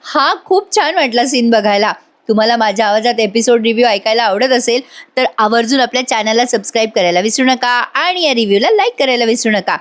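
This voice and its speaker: A woman's voice: a little high, expressive, fast. A woman narrating a voice-over recap of a TV episode, chatting directly to her viewers. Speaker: serial reviewer.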